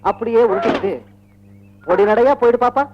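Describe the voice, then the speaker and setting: A cocky young policeman, teasing in a raised voice and a rapid patter. He sounds smug and sure of himself. It comes through a dull, muffled old film soundtrack. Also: very high-pitched, noisy background. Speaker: film actor. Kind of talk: 1980s film dialogue.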